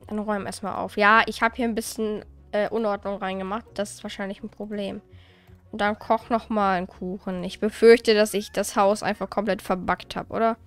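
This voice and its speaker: A woman's voice: mid-range voice, little pitch movement, brisk, smooth, soft background music. A woman hosting a let's play, giving casual, chatty commentary as she plays, often exasperated and swearing lightly.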